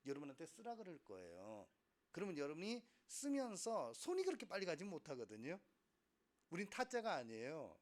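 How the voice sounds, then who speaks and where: A middle-aged man teaching a Korean language class, lecturing animatedly, acting out students and asking rhetorical questions. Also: fairly high pitch. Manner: animated, acts out students' voices, frequent laughter and rhetorical questions.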